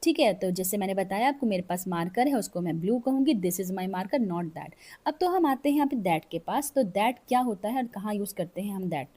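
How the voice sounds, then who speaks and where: A woman teaches English grammar in a mix of Hindi and English, drawing on the board, reading example sentences word by word and often checking in with "ठीक है". She goes slowly and step by step, her medium-pitched voice expressive and warm.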